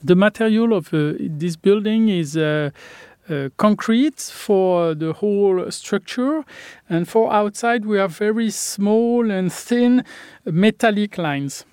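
Man, French accent, interview guest, hesitant, unhurried, smooth voice, dry sound. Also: sits high, darkish tone, no room sound. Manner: hesitant, searching for words in English. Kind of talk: interview answers.

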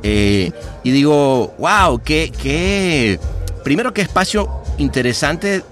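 A man's voice: fairly high pitch, animated, takes it slowly, fairly bright tone, soft background music. A man with a Venezuelan accent, a podcast guest talking in a reflective, rambling way with many restarts. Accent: Venezuelan Spanish. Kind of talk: casual conversation.

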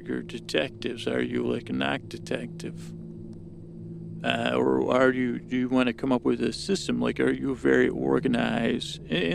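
A podcast host improvises a rambling bedtime story, his monologue meandering, halting, repeating itself and trailing off. His voice is mid-range and creaky, with background noise behind it.

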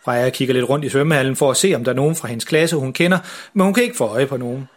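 A man narrating a children's story in an even, gentle way, with a husky voice. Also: mid-range voice.

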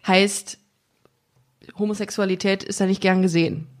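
A young woman hosting a casual interview, thinking aloud in a halting, informal way. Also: mid-range voice, steady tone. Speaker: podcast host interviewing.

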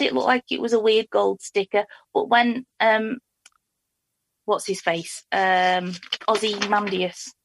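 A woman's voice: mid-range voice, gravelly, no room sound. A woman from England co-hosting a casual podcast chat, jokey and rambling. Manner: chatty, jokey, rambling with fillers. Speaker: podcast co-host.

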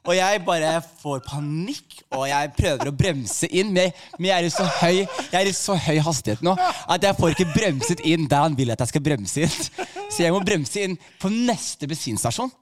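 A male comedian telling a comic story in an animated way, with wide swings in loudness and pitch. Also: hardly any pauses, noisy background. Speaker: comedian guest.

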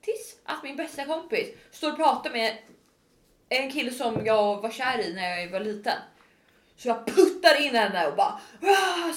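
A woman's voice: sits high, roomy sound. A woman in her twenties, swearing freely and acting out quotes as she tells a story in casual chat. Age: 20s. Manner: animated, swearing, acts out quotes.

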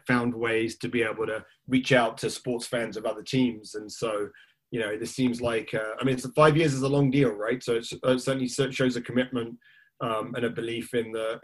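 A man co-hosting a casual chat, thoughtful and hedging, leaning on "you know" and "I mean". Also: medium pitch. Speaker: podcast co-host.

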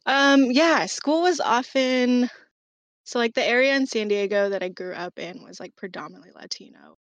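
A woman's voice: on the high side, normal speed, no room sound, muffled recording. A woman in her thirties from Southern California, a podcast guest talking casually with many ums and likes and small laughs. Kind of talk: casual chat.

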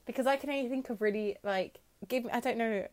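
A woman's voice: a little high, a little fast. A woman co-hosting a casual podcast chat, dry and self-deprecating, laughing often. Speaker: podcast co-host.

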